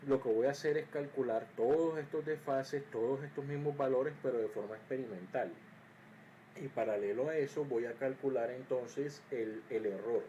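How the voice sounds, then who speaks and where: A man talks through an electrical circuits lesson in a mellow, relaxed voice, stopping on fillers and restarts as he explains. He sometimes drops into a quieter mutter while checking his own work. A faint hiss sits under the recording. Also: medium pitch, dull audio. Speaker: engineering teacher.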